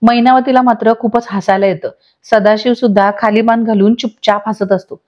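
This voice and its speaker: A woman's voice: a little high, moderate pace, muffled recording. A woman narrating a recap of a TV serial episode, reading the characters' lines aloud as she tells the story. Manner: steady storytelling, reads dialogue aloud. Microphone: voice-over.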